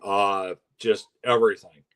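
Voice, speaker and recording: A man's voice: lowish voice, fairly even intonation, a little slow, a bit bright, smooth. A man from Michigan co-hosting a live-stream chat, chatty and wry, laughing easily. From Michigan, USA. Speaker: co-host.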